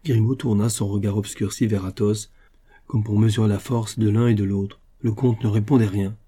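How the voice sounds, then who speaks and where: A man narrating a classic novel as an audiobook in a calm, measured way. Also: on the low side, breathy edge.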